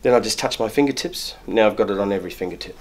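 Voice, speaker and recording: A middle-aged male barber who owns his shop talks through a shave, speaking very fast in a fairly low voice. He explains as he works, often restarting and repeating words, in a step-by-step grooming demonstration inside his barber shop.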